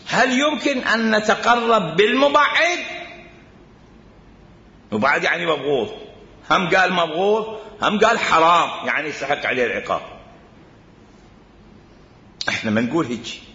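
Man, Iraqi Arabic accent, religious lecture, bright voice, dull lo-fi sound. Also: very animated, normal speed, pauses often. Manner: emphatic, repeats points, swings pitch up and down. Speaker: religious studies teacher. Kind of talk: jurisprudence lecture. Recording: roomy hall reverb, dull lo-fi.

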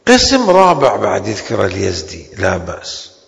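A man teaching a seminary law lecture. He stretches out key terms slowly and then rushes through quick asides. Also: fairly low pitch, wildly swooping pitch, gravelly. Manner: slow, drawn-out stresses on key terms with sudden quick asides. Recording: long hall reverb.

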